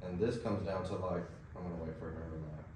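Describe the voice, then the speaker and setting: A man working as a dog trainer, coaching an owner in a relaxed, explanatory way with many "like" and "right?" checks. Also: sits low, fast talker, noisy background. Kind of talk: casual instruction. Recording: very echoey room, mic at a distance.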